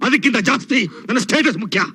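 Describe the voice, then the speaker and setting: Bright, high-pitched, menacing power-mad father, barking threats. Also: lively intonation, fast, a little hiss or hum, full character voice. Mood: arrogant. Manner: blustering, threatening, barking short retorts. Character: arrogant power-hungry middle-aged father, menacing. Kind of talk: film drama acting.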